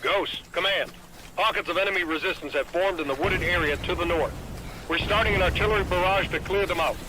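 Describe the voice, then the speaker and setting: High-voiced radio army commander. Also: male voice, brisk. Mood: brisk, commanding. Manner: clipped, commanding. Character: authoritative military commander giving radio orders. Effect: military radio. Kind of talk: military shooter game voice acting. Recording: radio transmission with battle noise.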